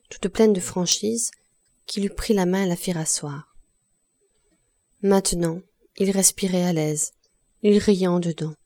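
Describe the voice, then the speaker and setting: A woman reading a classic novel aloud as audiobook narration, in a measured, even manner. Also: fairly low pitch. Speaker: audiobook reader. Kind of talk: scripted narration.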